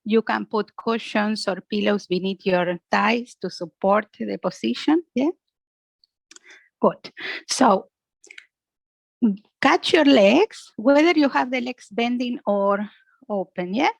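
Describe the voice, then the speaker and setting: Taking it slowly and pausing often, a yoga and relaxation instructor with a medium-pitched voice and vocal fry guides a class through breathing and imagery. The audio is dry and poor; she is gentle and instructive, often asking "yeah?".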